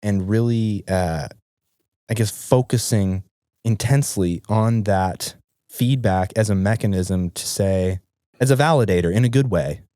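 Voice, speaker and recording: A man hosting a podcast interview, asking earnest coaching questions while his voice is low from being sick. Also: a little slow, dark tone, dry recording, clean studio sound. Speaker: podcast host. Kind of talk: conversational interview.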